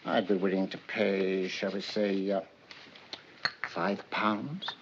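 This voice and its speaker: An actor playing a polite, smooth-talking gentleman making enquiries, with formal, hesitant manners, in 1940s film acting. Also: low voice, slow. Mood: probing, discreet. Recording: muffled 1940s film soundtrack, faint noise.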